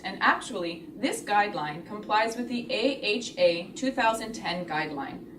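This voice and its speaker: A woman reading a scripted product tutorial in a measured, step-by-step explanatory way. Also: mid-range voice. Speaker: instructional video narrator. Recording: roomy, distant, clearly noisy recording.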